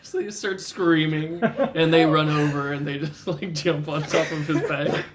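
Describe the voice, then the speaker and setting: A man's voice: on the high side, fairly even intonation, unhurried, very noisy. A man narrating as game master of a tabletop game, loose and rambling with many fillers.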